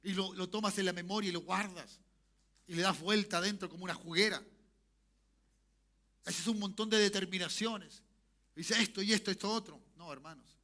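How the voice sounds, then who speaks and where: A man preaching a sermon as pastor, shifting from soft talk to shouted calls for amen. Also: high voice, fairly even intonation, normal speed, long pauses. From Chile. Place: church sanctuary.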